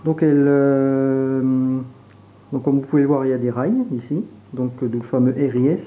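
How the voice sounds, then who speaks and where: Relaxed Franche-Comté man on tinny audio. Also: mid-range voice, normal speed. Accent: Franche-Comté French. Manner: relaxed, hesitant, many fillers while handling gear. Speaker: airsoft reviewer. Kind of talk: casual product unboxing and demo. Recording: tinny phone-like sound, faint hiss.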